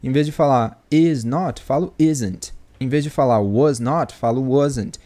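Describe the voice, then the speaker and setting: A man's voice: mid-range voice, measured pace, mellow. A man with a Brazilian Portuguese accent, teaching an English grammar lesson in a chatty way and asking rhetorical questions. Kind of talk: casual video lesson.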